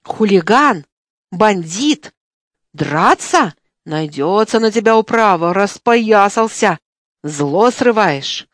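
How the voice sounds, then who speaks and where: A woman reading an audiobook, voicing a sly, needling male truck driver who jeers in a shrill, wheedling voice. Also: lively intonation, moderate pace, dry recording, clean studio sound, close to an everyday voice.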